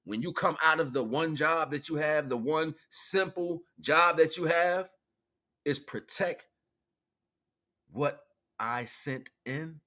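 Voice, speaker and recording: An American man with a fairly high, bright, forceful voice speaks slowly. A livestream host and self-styled spiritual teacher, he delivers a rambling, emphatic, freeform spiritual monologue in casual street slang, swearing freely.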